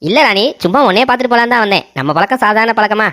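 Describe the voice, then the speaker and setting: A woman's voice: medium pitch, lively intonation, rapid-fire, fairly bright tone, natural voice. A woman voicing a lovesick young male king who is brash and taunting in a cartoon story. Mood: cocky. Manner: cocky, taunting.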